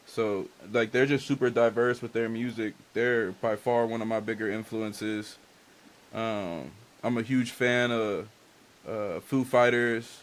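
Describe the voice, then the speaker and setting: On the low side, steady and unhurried, a young man speaks in a casual interview about his influences. He is a music artist and engineer, Spanish is his first language, his family is Dominican and Haitian, and his talk is loose and candid, full of "like" and slang.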